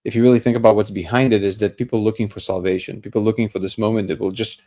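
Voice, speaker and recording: This is a man's casual live chat on his daily stream, where he reads comments and welcomes viewers by name. His lowish, mellow voice comes out rapid-fire with a flat delivery.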